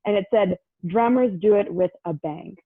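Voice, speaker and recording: A woman's voice: mid-range voice, moderate pace, slightly rough. A young woman tells a story in a loose, chatty way, filling it with "like" and acting out what others said. The sound is thin and tinny, as if over a phone line, with no room echo. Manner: chatty, many "like" fillers, acts out quotes. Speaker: guest. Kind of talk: casual storytelling.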